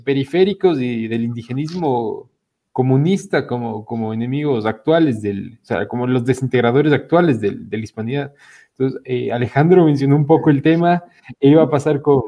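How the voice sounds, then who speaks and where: Mellow-voiced male panel moderator. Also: mid-range voice. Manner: hesitant, polite, with fillers.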